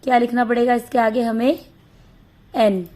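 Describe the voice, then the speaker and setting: A woman teaching an English grammar lesson. She asks questions and answers them herself, and reads English rules slowly, word by word. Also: a little high, steady tone, dark tone.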